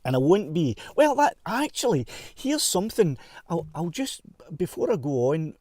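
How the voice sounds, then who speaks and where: A Scottish man hosts a casual live stream from a car, chatty, self-deprecating, and laughing often. His voice is a little high and a little mellow, very animated at a moderate pace, picked up by a clip-on wireless mic.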